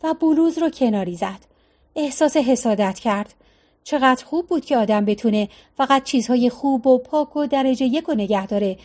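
A woman reading a story aloud as an audiobook narrator, calm and even. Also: fairly high pitch. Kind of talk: scripted narration.

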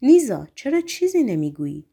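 A woman reading the part of an anxious young man in love, speaking in a hushed, pleading way. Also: mid-range voice, animated, vocal fry.

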